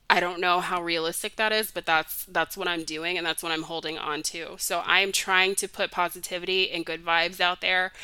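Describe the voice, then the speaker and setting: Earnest young woman, crisp and bright. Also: lowish voice, no room sound. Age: young adult. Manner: earnest and heartfelt, with frequent "like" fillers. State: emotional, voice close to cracking. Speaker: podcast host. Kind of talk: solo podcast monologue.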